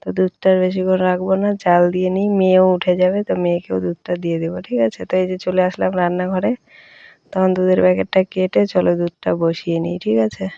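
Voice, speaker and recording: A young woman vlogger chatting casually through a home voice-over, speaking softly and often checking in with her viewers. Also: lowish voice, level tone, quick pace, gravelly, highs cut off. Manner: speaks softly late at night. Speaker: daily-life vlogger.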